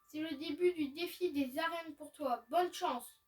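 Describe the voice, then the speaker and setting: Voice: high-pitched, measured pace, distant mic, soft background music. A gamer reading a polite league receptionist. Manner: explaining rules step by step.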